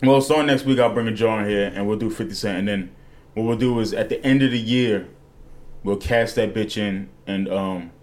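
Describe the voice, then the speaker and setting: A man's voice: on the low side, normal speed, a little mellow. A young adult man hosting a podcast, telling rambling, profanity-laced stories in casual banter with his co-hosts. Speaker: podcast host.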